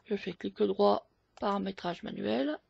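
A woman hosting a photo editing tutorial, explaining each step slowly with hesitant fillers. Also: medium pitch, creaky, a little mellow, husky, no echo, muffled recording. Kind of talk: screen-recorded software tutorial.

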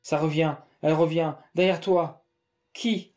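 A man voicing Étienne, a frightened young boy shouting warnings to his mother in a scary story. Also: on the high side, steady tone, unhurried, natural voice. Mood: terrified.

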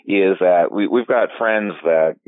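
Man, guest on a fishing podcast, very low voice, rambling with restarts, phone-line sound. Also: a little slow, no echo. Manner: rambling, with many restarts and fillers. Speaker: fly fishing guide and filmmaker guest. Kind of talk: relaxed podcast interview.

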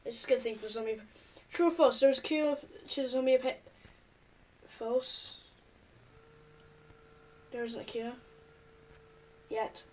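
A woman with a high voice chats casually through an online quiz, reading each question aloud and answering offhand. She sits a little back from the microphone, so her voice carries some distance. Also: measured pace, pauses often, slight background noise. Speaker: vlogger. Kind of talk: casual chat while taking an online quiz.

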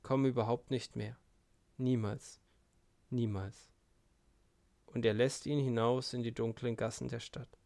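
Gravelly male audiobook narrator. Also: mid-range voice, a little mellow.

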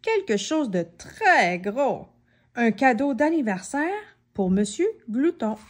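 A woman reading a children's storybook aloud in an expressive way, often asking questions of the child listening. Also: a little high, slow pace.

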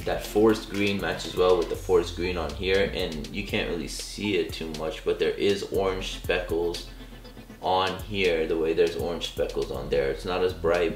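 A man's voice: low voice, moderate pace. A young man with a Californian accent who is losing his voice, talking casually and enthusiastically through a sneaker vlog with plenty of slang and fillers. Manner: relaxed, enthusiastic, slangy talk with many fillers. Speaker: sneaker vlogger. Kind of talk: casual vlog show-and-tell. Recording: echoey room with faint music.

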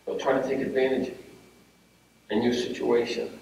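A man's voice: medium pitch, completely flat delivery, moderate pace, vocal fry, a little mellow. A man officiating a funeral, preaching a sermon in an earnest, conversational way with restarts. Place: funeral home chapel. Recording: very echoey hall, heard from a distance, faint room hum.

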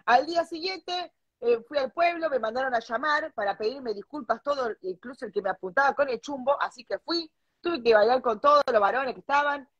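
A woman's voice: high voice, lively intonation, brisk, a bit bright, husky, no room sound, dull audio. A woman with an Argentine Spanish accent co-hosting a casual live stream, reading out listener stories with crude, mocking asides.

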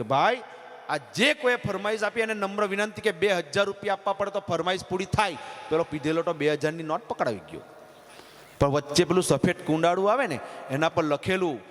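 A man, a comedian telling folksy jokes to a live audience and acting out the people in them. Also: fairly high pitch. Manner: folksy joke-telling, acting out phone calls and children in changed voices. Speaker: stand-up comedian at a folk stage show. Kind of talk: live comic storytelling to an audience. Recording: live stage sound with long hall reverb and faint music.

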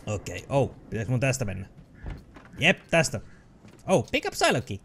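Excitable man shouting at a video game. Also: mid-range voice, slight background noise. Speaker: let's play host. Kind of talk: casual gameplay commentary.

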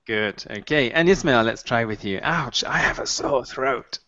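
Speaking from a small home room on a video call, a man in his thirties runs a brief English lesson through his headset, his mid-range voice animated, bright and forceful. He patiently and encouragingly models phrases slowly and clearly. The call audio sounds dry and dull.

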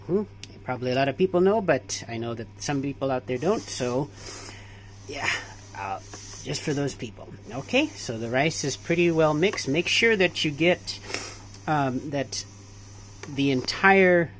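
Slow-talking man in a home kitchen. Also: a little high, a little hiss or hum. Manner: relaxed, hesitant, many fillers. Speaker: cooking vlogger. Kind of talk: casual cooking demonstration.

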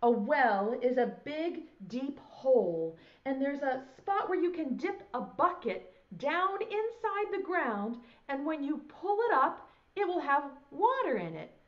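Slow, singsong woman teaching small children. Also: high-pitched, animated, lo-fi sound. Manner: broad, singsong, theatrical delivery for small children. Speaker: preschool teacher hosting a children's circle time. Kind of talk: children's lesson with nursery rhymes. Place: small indoor classroom set. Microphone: lapel mic.

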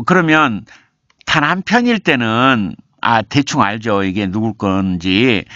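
A man's voice: medium pitch, fairly bright tone, no room sound. An older man, a literature professor, hosting a casual live stream, reading viewers' comments aloud, teasing them playfully and explaining things patiently with much repetition. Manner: explains patiently, repeating himself. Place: home streaming room. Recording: dull lo-fi live-stream audio.

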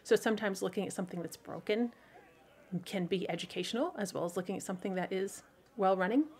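A woman's voice: mid-range voice, fast, darkish tone, slightly rough. A woman author hosting her weekly livestream, talking casually and rambling to viewers with many fillers, restarts and frequent laughter. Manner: laughs often between thoughts.

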